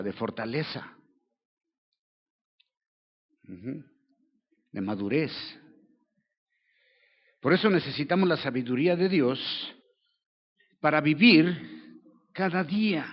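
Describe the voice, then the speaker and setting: A Mexican man preaching a sermon, his voice sitting a little high for a man. He keeps it conversational and keeps checking in with his listeners. The recording is dull and lo-fi. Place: church service.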